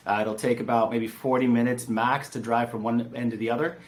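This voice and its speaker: This mid-range male voice holds a level tone and moves a little fast. He's a real estate entrepreneur from San Diego, California, appearing on a podcast and recounting his story in a relaxed, friendly way.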